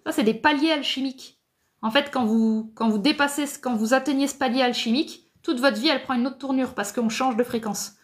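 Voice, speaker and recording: A woman giving a live talk on psychotherapy, slow and repetitive, sometimes dropping to a near whisper. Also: fairly high pitch. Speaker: psychotherapy speaker.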